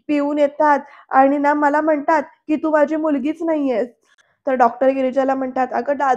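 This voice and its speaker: A woman tells what happens in a TV serial episode, voicing each character's lines in turn. Her voice sits high and stays level, with little rise and fall. The recording is dull and lo-fi. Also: darkish tone. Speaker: serial recap narrator. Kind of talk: voice-over episode recap.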